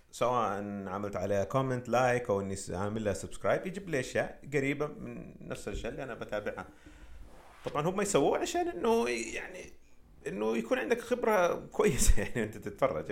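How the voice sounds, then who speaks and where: A man co-hosting a podcast in casual chat, lively, laughing often and asking questions back. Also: mid-range voice. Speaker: podcast co-host.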